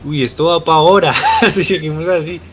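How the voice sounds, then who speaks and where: A man in casual podcast banter, playful and teasing with quick exclamations. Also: a little high, faint music behind. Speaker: podcast co-host running the game.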